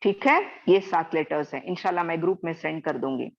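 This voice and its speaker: A woman's voice: low voice, gravelly. A woman teaching Quran recitation in an online class, drawing out example words and often checking in with her students. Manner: slow, repeats example words drawn out; often checks in with "theek hai?". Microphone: video call. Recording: dull lo-fi video call audio.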